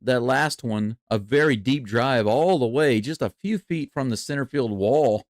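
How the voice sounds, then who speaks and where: A man gives live baseball play-by-play with a fan's running reactions. His voice sits in a middle register, and he moves between easy chatter and excited calls. The sound is close and dry. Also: mid-range voice, measured pace, no echo. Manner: excitable, chatty, jumps from calm to loud cheering. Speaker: play-by-play streamer.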